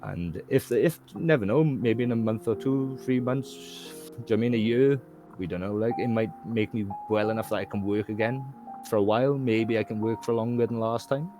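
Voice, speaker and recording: Over music, a Welsh man with a Welsh accent speaks in a lowish voice at normal speed. As a guest in a casual conversation, he talks candidly and rambles, often asking "do you know what I mean".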